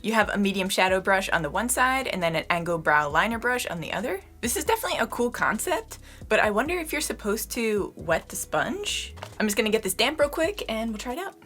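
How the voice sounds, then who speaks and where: A young woman giving a casual beauty product review. She is slightly hoarse and talks to her viewers in a chatty way, often using "like" as a filler. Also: on the high side, big pitch swings, fairly quick, few pauses, a bit bright. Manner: chatty, addresses viewers as "you guys", frequent "like" fillers. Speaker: beauty vlogger.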